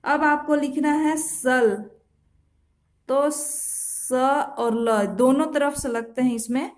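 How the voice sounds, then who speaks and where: Slow, high-voiced woman shorthand teacher. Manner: slow, patient explanations with self-corrections and repeated examples. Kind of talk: step-by-step instructional lesson. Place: home.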